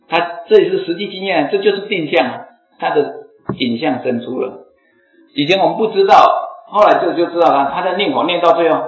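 A slightly hoarse man giving a Buddhist dharma talk to a seated audience, explaining and chanting examples aloud. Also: fairly high pitch. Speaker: Buddhist teacher. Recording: echoey phone-like lecture recording, faint music.

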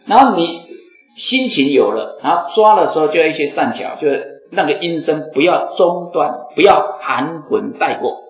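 A slightly hoarse man giving a Buddhist dharma talk to a seated audience, explaining and chanting examples aloud. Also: on the high side, animated, normal speed. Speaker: Buddhist teacher. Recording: echoey phone-like lecture recording, faint music.

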